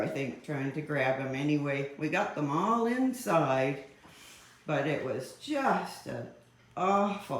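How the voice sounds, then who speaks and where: Slow, easygoing cat vlogger in a roomy space. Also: medium pitch. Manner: chatty, laughs often, talks to the cats. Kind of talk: casual chat to camera. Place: home, with cats nearby.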